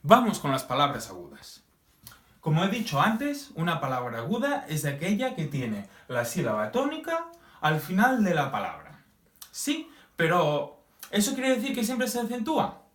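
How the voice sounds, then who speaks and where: An animated male teacher explains a grammar lesson, his pitch swinging widely as he gives lively, drawn-out examples. He keeps checking in with "¿sí?", and he is recorded from a distance in a roomy, echoey space.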